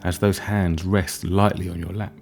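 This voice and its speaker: Guy doing guided hypnosis, soft soothing deep voice, bit of fry and breath, slow pauses, music behind him. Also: flat delivery.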